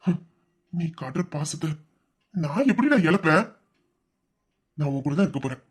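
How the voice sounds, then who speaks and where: A man voicing a tender, high-voiced elder brother. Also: very animated, normal speed, breathy edge. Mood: heartfelt. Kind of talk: emotional audio-drama acting.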